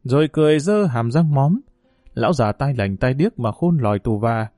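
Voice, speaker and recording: Man, audiobook narration, dark mellow tone, dry close sound, soft plucked guitar behind. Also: medium pitch, animated, normal speed, no room sound. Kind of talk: scripted narration of a novel.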